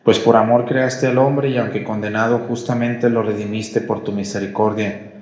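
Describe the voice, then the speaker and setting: A man's medium-pitched voice rings through a strong, cathedral-like echo. He is a priest celebrating Mass, reciting prayers solemnly. His phrasing is formal and measured. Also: fairly even intonation, a little mellow. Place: large echoing church interior. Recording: echoing, cathedral-like reverberant room.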